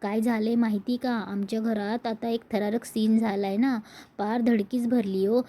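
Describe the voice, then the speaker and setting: A woman's voice: a little high, steady tone, moderate pace, warm tone, natural voice. A woman reading as a sly meddling gossip. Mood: sly provoking. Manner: provoking, sly.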